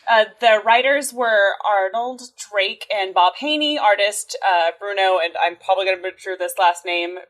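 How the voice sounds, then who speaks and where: A woman with a mid-range voice chatting on a podcast. She shares facts in a relaxed way, with soft fillers and little laughs. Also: mid-range voice, moderate pace, few pauses. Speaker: podcast co-host. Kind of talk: casual comics discussion.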